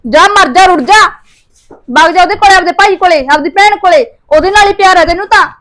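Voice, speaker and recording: An actress with a Punjabi accent playing a quarrelsome young wife in a joint family, snapping back sharply and demanding her share. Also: extremely high pitch. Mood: angry. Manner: sharp, quarrelsome, rapid retorts. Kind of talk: short film acting.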